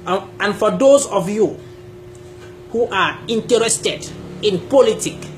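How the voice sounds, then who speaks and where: Speaking slowly and emphatically with lively intonation, a Bassa-speaking YouTube creator addresses the camera on spiritual topics from a sofa in a small room. His voice is high, his manner deliberate with many gestures, and a faint hiss or hum is present.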